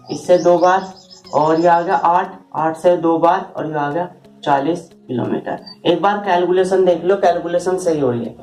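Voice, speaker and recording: In a reverberant room, a man with a high, slightly mellow voice teaches math at a board, explaining shortcuts. He talks informally and throws rhetorical questions at his students as he works through each step.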